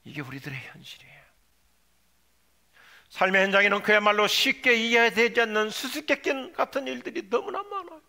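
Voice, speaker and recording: A male pastor preaching a sermon, dropping to low quiet asides and rising to shouted, pleading cries. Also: expressive, moderate pace. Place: church sanctuary.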